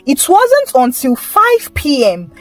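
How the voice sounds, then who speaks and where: A woman telling a folktale in scripted narration, with a steady, measured reading. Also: sits high, soft background music, low-quality recording. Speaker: storyteller.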